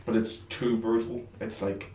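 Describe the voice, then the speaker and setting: A man's voice: lowish voice, flat delivery, normal speed, warm tone, recorded from a distance. A man co-hosting a podcast, chatting casually about games and swearing now and then. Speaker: podcast co-host. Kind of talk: casual gaming chat. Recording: echoey room, a bit off-mic.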